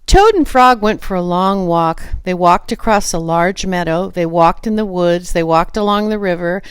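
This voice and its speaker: An older woman reading a children's story aloud in a sweet, grandmotherly, unhurried manner. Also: lowish voice, smooth, no room sound. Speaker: storybook reader.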